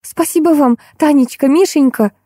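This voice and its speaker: A woman voicing a shy, blushing young woman who apologizes constantly in a high, chirping voice. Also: moderate pace, dark tone, dry recording, clean studio sound, lightly acted. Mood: fluttering. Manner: breathless, fluttering, apologetic.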